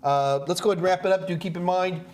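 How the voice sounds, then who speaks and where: A man's voice: sits high, fairly even intonation, fast, darkish tone. A man from the Houston area, hosting a casual live question-and-answer stream in a folksy, joking manner. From Houston, Texas area. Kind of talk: casual livestream chat. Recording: clear background noise with hum.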